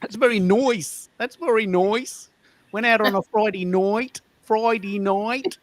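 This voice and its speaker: A man putting on an exaggerated Melbourne Australian accent, playing a preening, show-off local with drawn-out, sing-song vowels. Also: sits high, dry recording, pitched above the performer's own voice.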